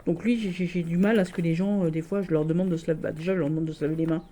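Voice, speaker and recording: A woman chatting casually and affectionately as she shows her tarot decks, often pausing on "voilà". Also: lowish voice, steady tone, dark tone, a little hiss or hum. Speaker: tarot vlogger.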